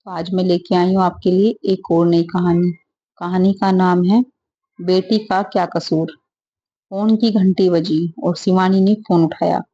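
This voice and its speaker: Mellow woman reading a story. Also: on the low side, level tone, a little slow, highs cut off. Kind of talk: reading a Hindi moral story.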